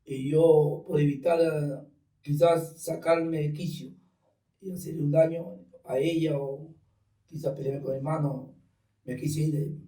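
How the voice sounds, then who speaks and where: A man's voice: on the high side, unhurried, far from the mic. A man tells his personal testimony in conversation, acting out the voices of others in his story. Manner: animated storyteller acting out dialogue. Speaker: guest giving testimony. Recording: roomy sound from off mic.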